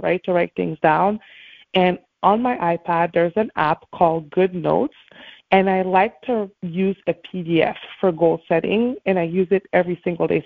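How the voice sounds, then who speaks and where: A woman's voice: on the low side, gravelly, no echo. A woman speaking as a morning show host, giving an encouraging motivational talk and addressing her listeners directly, over a call line. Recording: thin phone-like call audio.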